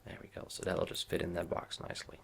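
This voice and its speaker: A man doing a softly spoken whispered role-play as a watch shop salesman, with reassuring customer-service patter in a low, gravelly voice. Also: quick pace, heavy background noise.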